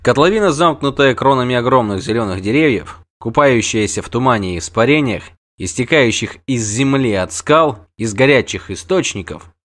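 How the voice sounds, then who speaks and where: Male narrator, audiobook narration, lively pitch, expressive reading. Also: moderate pace, few pauses.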